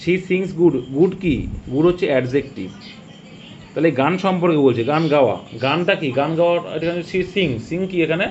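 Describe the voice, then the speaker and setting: A man teaching English grammar, asking questions and answering them himself, and reading example sentences out slowly. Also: on the high side, a little mellow. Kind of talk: spoken grammar lesson. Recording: dull lo-fi audio with faint hiss.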